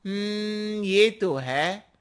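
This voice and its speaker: A sly older auntie from a cartoon story speaks in an unhurried, knowing way, as a woman acts her out. Her warnings come drawn out and hushed, with a middle-pitched voice. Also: clean tone. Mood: cautioning. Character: older neighborhood auntie, warm but secretive. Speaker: neighbor. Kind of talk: cartoon voice acting.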